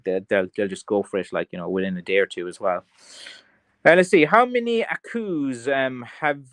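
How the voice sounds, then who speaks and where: On his livestream, a man from County Kerry with a mild west of Ireland accent rambles casually and tongue-in-cheek while responding to comments; he's a craftsman who sells blackthorn sticks. His voice is on the low side with a fairly bright tone, and there's no echo.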